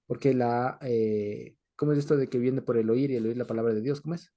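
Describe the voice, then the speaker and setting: A man leads a scripture study for a group with a very dark, mellow voice at an everyday pitch. He explains each point patiently, restating it and asking his listeners again and again whether they follow. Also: fairly even intonation, brisk. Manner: explanatory, repeats points and checks understanding with frequent questions. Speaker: Bible teacher.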